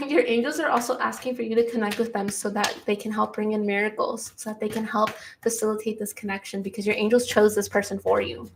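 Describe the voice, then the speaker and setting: A young woman giving a tarot reading, giddy and excitable, laughing at times and repeating key lines for emphasis. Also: mid-range voice, brisk, noisy background. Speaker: tarot reader. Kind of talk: collective tarot reading to camera.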